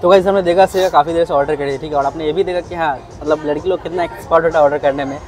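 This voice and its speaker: A young man talks quickly through a casual food vlog, recorded outdoors on a rooftop with a clip-on lapel mic. His voice sits high for a man, and he caps almost every sentence with "theek hai." Faint music plays under him. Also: fairly even intonation, a little mellow, low-quality recording. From India. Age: young adult. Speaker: food vlogger.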